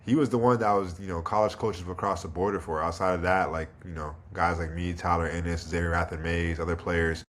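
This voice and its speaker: A man from Toronto, a guest on a casual interview podcast, speaking in a relaxed, reflective way with frequent "you know" and "like.". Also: sits low, brisk, few pauses, slight background noise. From Toronto, Canada. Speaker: guest, pro basketball player.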